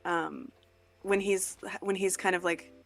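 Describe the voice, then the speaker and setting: Dry, sarcastic woman guest with a low voice. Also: fairly even intonation, measured pace, vocal fry. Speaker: podcast guest. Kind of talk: casual chat.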